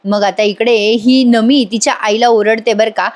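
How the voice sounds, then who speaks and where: A woman's voice: on the high side, steady tone, unhurried. A woman narrating a chatty voice-over recap of a television serial, talking directly to viewers. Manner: chatty storytelling, addresses viewers.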